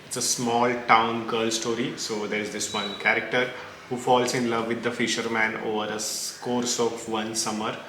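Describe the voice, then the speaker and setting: This book reviewer, a man with an Indian accent, rambles through recommendations in a casual, opinionated way, blending Hindi with English. His voice is medium in pitch with little pitch movement and a moderate pace. Recording is echoey with clear background noise.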